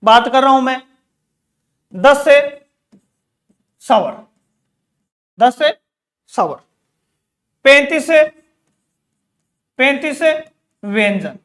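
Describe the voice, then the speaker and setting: A man's voice: extremely high pitch, expressive, extremely slow, pauses often, fairly bright tone. A man teaching an exam-prep grammar lesson, asking questions and answering them himself, repeating key words. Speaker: Hindi teacher.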